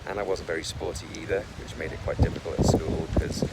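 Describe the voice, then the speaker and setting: A man's voice: rumbling low, level tone, fast talker. A middle-aged man talking casually to camera about his life, hesitant, with many fillers and restarts. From Wales. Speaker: vlogger. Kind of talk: casual personal talk to camera. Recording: loud wind noise over the mic.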